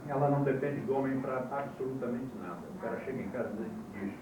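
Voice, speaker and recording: A man with a Brazilian Portuguese accent teaching a class, slowly spelling out terms, heard from an old VHS tape recording. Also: medium pitch. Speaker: yoga teacher. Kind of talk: classroom lecture. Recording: hissy old VHS tape, echoey room, far mic.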